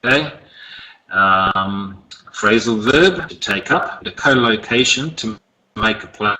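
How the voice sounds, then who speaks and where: A man teaching an online English lesson over a video call, relaxed and encouraging, often checking in with "okay?". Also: lowish voice, slow pace, background noise. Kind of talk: online lesson, recapping and giving homework.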